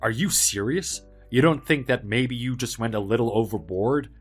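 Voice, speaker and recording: An actor playing a polite, helpful young office worker with quiet backbone, speaking in an earnest, measured way in a dramatized story. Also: male voice, mid-range voice, breathy edge, faint music behind, close to an everyday voice. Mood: firm.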